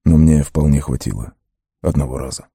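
A man plays a heavy-hearted ranger speaking quietly in a deep, dark voice. Every word sounds weighed down. The sound stays dry. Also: normal speed, husky, no room sound, heavily acted.

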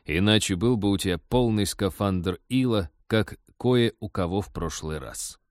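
Brief: narrator playing a self-assured big-brother pilot, deep and steady. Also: male voice, normal speed, no echo, clean studio sound, close to an everyday voice. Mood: lecturing. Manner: lecturing, matter-of-fact. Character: confident preachy young male pilot, big brother.

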